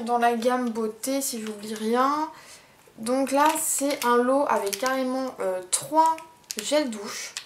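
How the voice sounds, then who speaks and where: A young woman chatting casually in a haul vlog, unhurried, with many fillers. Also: on the high side, slight background noise. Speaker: beauty vlogger.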